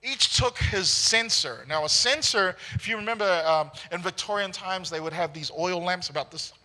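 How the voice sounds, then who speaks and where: Male pastor, very bright, forceful voice, lively storyteller. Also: sits high, fairly quick. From Singapore. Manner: animated storytelling, frequent tag questions. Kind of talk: conversational sermon.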